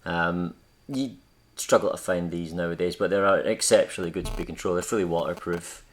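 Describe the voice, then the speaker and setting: Deep-voiced and talking a little fast, a young man from Scotland hosts a hobby video in casual, unscripted vlog style, wandering off a bit as he corrects himself. The recording quality is rough.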